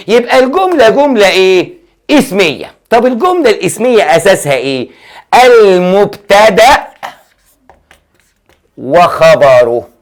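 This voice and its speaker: A male Arabic grammar teacher with an Egyptian accent gives a classroom lesson, quizzing aloud and answering his own questions, often stretching out key words for emphasis. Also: high-pitched.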